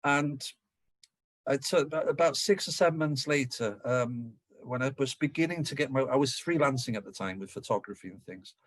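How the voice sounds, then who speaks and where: A man's voice: mid-range voice, normal speed, dry recording. A middle-aged man from North Wales with a Welsh accent, giving an anecdotal local history talk and acting out the dialogue. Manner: lively storyteller who acts out dialogue.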